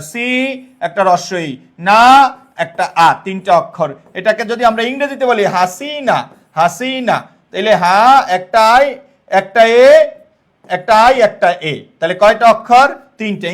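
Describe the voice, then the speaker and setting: High-voiced man teaching a grammar lesson. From Bangladesh. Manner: explains step by step, repeats questions and checks understanding; sounds out words syllable by syllable. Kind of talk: online exam-prep lesson.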